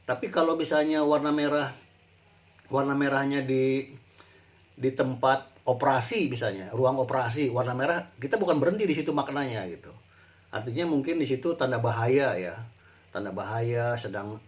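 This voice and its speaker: A middle-aged man giving an informal spoken lecture to students, explaining slowly and repeating himself with frequent tag words. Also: mid-range voice. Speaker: university lecturer.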